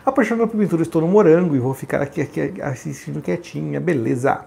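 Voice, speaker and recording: A woman co-hosting a live stream, reading out viewers' names and greetings in a lively way. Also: low voice, quick pace, gravelly, slightly rough. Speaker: co-host reading viewer comments. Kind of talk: reading out live chat comments.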